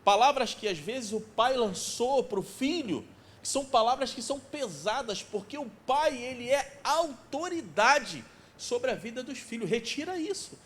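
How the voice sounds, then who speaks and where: A man in his forties preaching a sermon as pastor in a church, emphatic, repeating key phrases and dropping to a soft pleading tone. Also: very high-pitched, animated, unhurried. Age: 40s. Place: church sanctuary.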